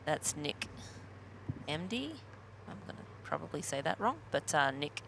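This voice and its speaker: A man co-commentating a live race, hesitant and filling pauses with uhs as he checks gaps and names. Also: fairly high pitch, vocal fry, sharp tone, a little hiss or hum. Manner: hesitant, many uhs while checking details.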